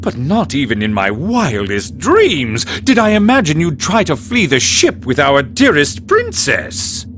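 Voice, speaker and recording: High-voiced, flamboyant gentleman phantom thief. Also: huge pitch swings, measured pace, hardly any pauses, faint music behind, full character voice. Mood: amused, theatrical. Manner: grandiose, florid, teasing. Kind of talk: video game voice acting.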